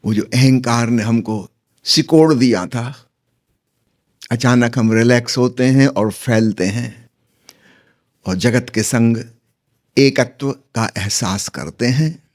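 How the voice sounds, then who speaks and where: Brief: male spiritual teacher, steady mid-pitched voice, calm explanatory discourse. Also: slow, long pauses. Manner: calm, explanatory, with humorous anecdotes.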